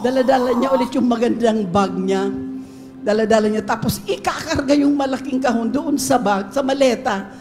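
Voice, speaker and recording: A woman giving a lively, laughing testimony in a church service, mixing English into her Tagalog. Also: a little high, normal speed, music in the background. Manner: animated storyteller, laughs often, mixes English into Tagalog. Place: church sanctuary. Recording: long reverb of a church hall.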